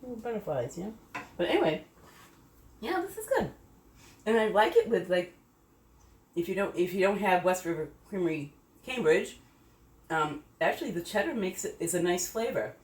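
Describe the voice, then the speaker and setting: A woman's voice: fairly low pitch, animated, moderate pace. A middle-aged woman hosting her own home cooking video, chatting casually and rambling as she tastes the food. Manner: chatty, rambling, self-correcting, tasting food as she talks. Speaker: home cooking channel host. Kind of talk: casual cooking demo chat. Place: home kitchen. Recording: echoey kitchen, voice from a distance.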